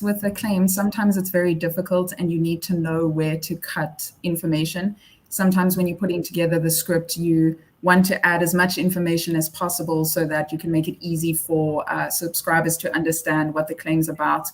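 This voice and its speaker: Low-pitched woman explaining. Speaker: panelist, fact-checking podcast scriptwriter. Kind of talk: explanatory panel talk.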